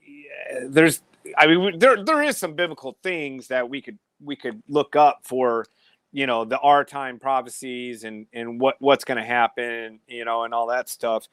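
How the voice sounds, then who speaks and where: A man hosting a casual faith discussion, talking in a halting way with many restarts. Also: medium pitch, a bit bright, clean tone, no echo. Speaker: host. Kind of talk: casual discussion on a live stream.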